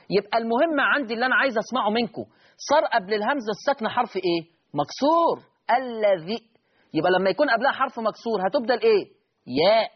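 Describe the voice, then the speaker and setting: A high-voiced Egyptian man teaches the rules of Quran recitation with a husky, slightly breathy tone. He keeps quizzing his class and drawing out each example word slowly. The recording sounds dull and lo-fi. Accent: Egyptian Arabic. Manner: asks the class questions and answers them himself, drawn-out recited words.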